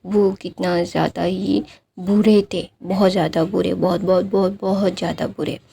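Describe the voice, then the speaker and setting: Casual woman storyteller; chatty and repetitive, gravelly, mellow-dark tone. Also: lowish voice, flat delivery, normal speed.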